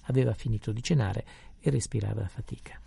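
A man narrating a classic novel in a measured, descriptive audiobook reading. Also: fairly low pitch, creaky, dark tone, breathy edge, no echo.

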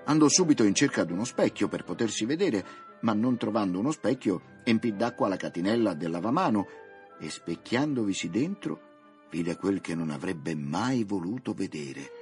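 Expressive male storyteller over music. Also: on the low side, moderate pace. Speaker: narrator. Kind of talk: storybook narration. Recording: music playing underneath.

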